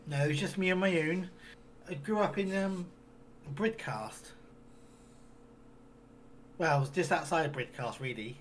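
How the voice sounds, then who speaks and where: A man doing a rough-spoken half-elf handyman who wanders from town to town. He rambles in a folksy way with plenty of fillers and broken grammar, his voice sitting a touch high. A faint hiss runs underneath. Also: a little slow, long pauses, lightly acted. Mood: rambling. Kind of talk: tabletop role-play in character.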